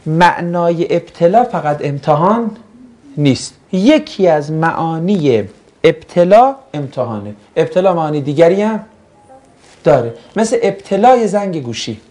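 A man's voice: on the high side, animated, darkish tone. A man teaching a classroom lesson, joking and putting questions to his students. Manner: jokey, asks the class questions and banters. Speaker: religious studies teacher.

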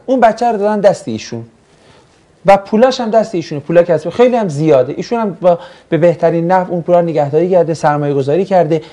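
A man with a high-pitched, warm voice teaches religious studies in a jokey way, putting questions to the class and bantering with his students.

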